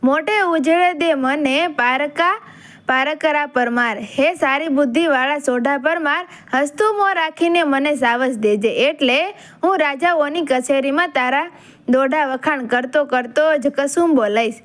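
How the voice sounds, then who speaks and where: A woman's voice: high-pitched, a little slow, fairly bright tone. A woman playing a chanting male bard poet. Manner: chanting verses. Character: bold male bard poet begging a gift.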